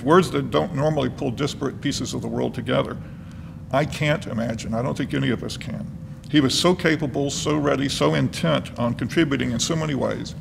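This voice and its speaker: Solemn guy reading a eulogy, really creaky gravelly voice, big echoey hall. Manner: solemn, measured reading and reflection. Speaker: professor giving a eulogy. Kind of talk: eulogy speech, partly read aloud. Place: large reverberant hall. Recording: noisy, reverberant hall with low rumble.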